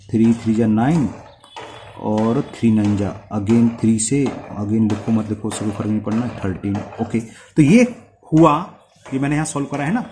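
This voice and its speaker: A man with an Indian accent works through a maths problem out loud, speaking at a middle pitch and often checking that the viewer is following. A faint hiss of noise sits under his voice. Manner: thinks aloud while writing, checks in with the viewer. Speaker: maths teacher. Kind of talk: step-by-step maths lesson.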